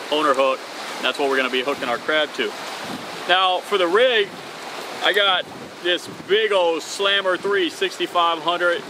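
A fishing channel host in his thirties, his voice a little high, talks casually and upbeat through an outdoor tutorial on a bridge over open water. He ties knots as he speaks, and wind and waves are heard in the background.

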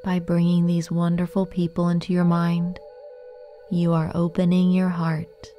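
A woman leads a guided meditation very slowly, her dark, relaxed voice on the low side. She sounds gentle and soothing, leaving long pauses between phrases while faint music plays behind her.

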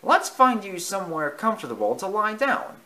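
A storybook reader voicing an earnest, eager little male circus mouse in a high voice. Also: big pitch swings, normal speed, bright, forceful tone.

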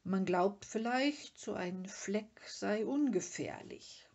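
A woman's voice: mid-range voice, expressive, unhurried, noisy background. A woman voicing a fussy, proud troll father who is easily offended, talking in an indignant, lecturing way. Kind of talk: storybook reading.

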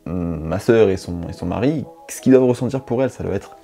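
With faint music behind him, a young YouTuber speaks in a low, expressive, creaky, mellow and slightly rough voice at a fairly quick pace. Recorded on a lapel mic in a dim bedroom studio indoors, he rambles slangily and self-mockingly to camera about his year in an improvised casual monologue.

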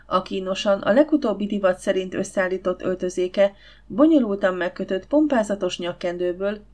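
A woman narrating a novel audiobook in a steady storytelling manner. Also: mid-range voice. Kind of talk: scripted narration.

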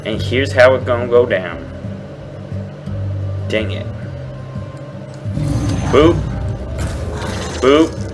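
A man in casual gameplay commentary, his pitch leaping around as he teases his opponent with playful trash talk. He drawls rather than rushes. Clear game music plays behind him. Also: animated. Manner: playful trash talk at opponent, swings into squeaky mocking voices. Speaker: gameplay streamer.

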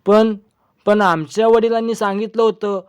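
A man's voice: high-pitched, fairly even intonation, clean tone, voice pushed up, close to an everyday voice. A man voicing a foolish, boastful village son-in-law in a comic storybook reading. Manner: naive and boastful, chattering in quick bursts.

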